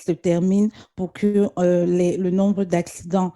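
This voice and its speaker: Earnest Cameroonian woman, low and flat. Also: slow pace. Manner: earnest, emphatic. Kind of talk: casual chat.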